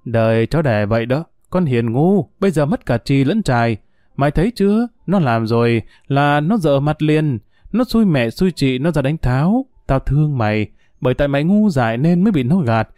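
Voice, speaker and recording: A man voicing a bitter, drunk older woman who curses men in a coarse, slow, drawling grumble. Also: medium pitch, animated, darkish tone, no echo, studio quality, close to an everyday voice. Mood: scolding.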